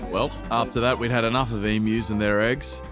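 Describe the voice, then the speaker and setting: A man's voice: mid-range voice, level tone, fairly quick, music in the background. A young man giving wry, mock-dramatic scripted narration over a travel vlog. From Australia.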